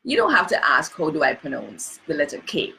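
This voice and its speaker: Jamaican woman, lower voice, patient teacher checking in with listeners. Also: wildly swooping pitch, a little fast, gravelly, pushed and bright, a little hiss or hum, poor audio. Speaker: presenter reading an article. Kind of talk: spoken lesson on pronunciation.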